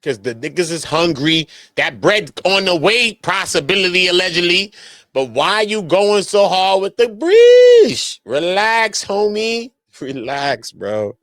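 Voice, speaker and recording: An American man gives casual street-slang commentary on criminal cases, sometimes reading documents aloud. His voice sits high with big pitch swings and a fairly bright tone, and he speaks slowly in clean, echo-free studio quality. He's emphatic and slangy, repeating the same verbal tags.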